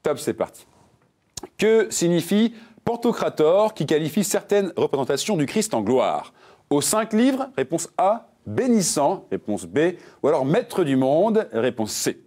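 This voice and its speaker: A jokey quiz-show host whose pitch swings up and down as he reads each question. He sits a little high for a man and keeps things light, slipping puns between the answer options. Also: sing-song, unhurried, darkish tone. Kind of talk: game show hosting with puns.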